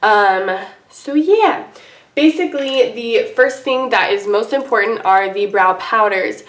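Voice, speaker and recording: A woman's voice: a little high, animated, unhurried, reverberant. A woman hosting a casual beauty tutorial in an informal, rambling, apologetic way, her voice icky and under the weather from feeling sick. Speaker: beauty vlogger and host. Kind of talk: casual makeup tutorial chat to camera.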